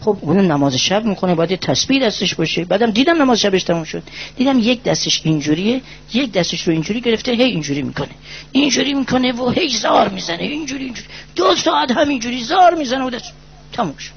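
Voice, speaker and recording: A man preaching a religious lecture with passion, going from hushed to raised and reciting poetry and prayers. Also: high-pitched, expressive, creaky, husky. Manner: impassioned, swings between hushed and raised. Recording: dull lo-fi recording.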